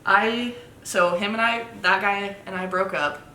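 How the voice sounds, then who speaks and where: A young woman telling a story in a casual couple's chat, animated and laughing as she talks. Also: unhurried. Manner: animated, laughing, finishes partner's sentences. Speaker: vlogger. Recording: echoey room with faint rumble.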